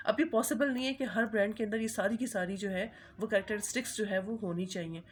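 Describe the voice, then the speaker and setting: A woman lecturer giving a recorded marketing lecture. She reads English definitions slowly, then explains them, often checking in with "theek hai". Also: mid-range voice, steady tone, slight background noise.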